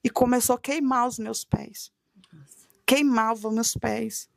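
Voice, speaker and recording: A woman's voice: fairly high pitch, fairly even intonation, slow, gravelly, no echo, studio quality. A woman tells a dramatic religious testimony, acting out her own cries for mercy as she goes. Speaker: guest telling a testimony.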